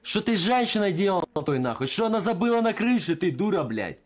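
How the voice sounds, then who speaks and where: A man role-playing a police captain in a game, interrogating loudly with heavy swearing. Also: sits high, very animated, quick pace. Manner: loud, profane, aggressive interrogating. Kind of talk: in-game role-play over voice chat.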